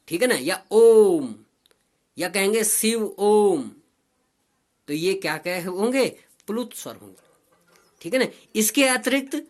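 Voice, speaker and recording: A man's voice: high-pitched, fairly bright tone. A male teacher explaining grammar step by step, who keeps checking with "ठीक है ना" and draws out vowels as he demonstrates them. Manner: drawn-out, sing-song vowel demonstrations. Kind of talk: grammar lesson.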